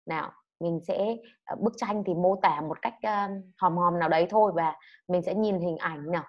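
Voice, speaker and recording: A Vietnamese woman teaches children English online, explaining words and loudly drilling them so the pupils repeat after her. Her voice is on the low side at a normal speed, and the recording is muffled.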